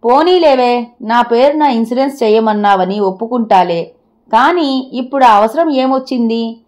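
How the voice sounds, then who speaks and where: A woman's voice: fairly high pitch, moderate pace, darkish tone, close to an everyday voice. A woman voicing a flustered, anxious husband. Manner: worried, pleading questions. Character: anxious bewildered husband, middle-aged man.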